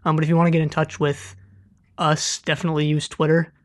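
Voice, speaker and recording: A man's voice: fairly high pitch, completely flat delivery, quick pace. A young man with a Californian accent, co-hosting a podcast in casual chat, laughing often and hesitating with fillers. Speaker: podcast co-host.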